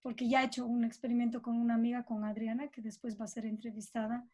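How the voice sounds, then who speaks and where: A middle-aged woman from Bolivia, with a Bolivian accent, speaks fast in a voice on the high side. Being interviewed as a composer, she reflects informally and expressively, thinking aloud as she goes.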